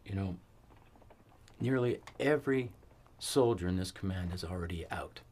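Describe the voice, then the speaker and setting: An actor playing a weary cavalry fort commander in a western film, giving measured, authoritative orders. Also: male voice, deep voice, expressive, a little mellow. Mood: stern. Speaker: army post commander.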